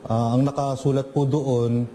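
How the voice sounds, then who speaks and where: Brief: male employee, courteous and explanatory, warm low tone, faint noise. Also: little pitch movement, a little slow. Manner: polite, explaining, addresses "sir". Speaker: complaining employee. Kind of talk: clip of a recorded statement.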